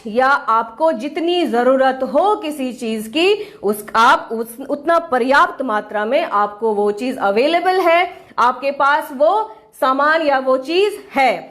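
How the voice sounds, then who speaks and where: A woman teaching an online English class, mixing Hindi and English and slowing down to spell out English sentences. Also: high-pitched, fairly bright tone. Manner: mixes Hindi with English phrases, slows down sharply on English sentences.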